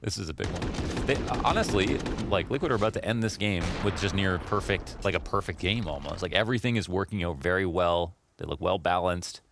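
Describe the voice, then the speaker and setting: A man's voice: deep voice, fairly quick, vocal fry, noisy background. A man giving casual, conversational analysis as co-commentator on a live esports match. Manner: conversational, loosely phrased. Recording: game gunfire and clicks behind voice. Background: video game gunshots and clicks.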